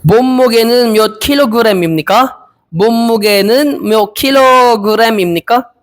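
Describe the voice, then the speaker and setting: A young man in his twenties from the Philippines, practicing Korean interview answers aloud, hesitant and repeating each phrase slowly. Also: extremely high pitch. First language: Filipino. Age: 20s. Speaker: Korean language learner.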